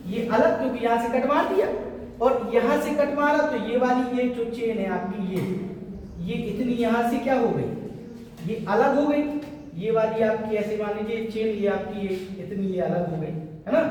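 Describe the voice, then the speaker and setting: A man's voice: extremely high pitch, a little mellow, slight background noise. Guy teaching a bio class, keeps asking if everyone gets it, super echoey room, mic way off. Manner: asks the class questions and checks they follow; explains with homely everyday comparisons. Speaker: biology teacher. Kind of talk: classroom revision lecture. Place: large echoing classroom. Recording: echoey hall recorded from far off.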